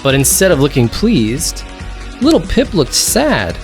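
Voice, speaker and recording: A man reading a picture book aloud to his child in a slow, lively storytelling tone. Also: on the high side, faint music behind.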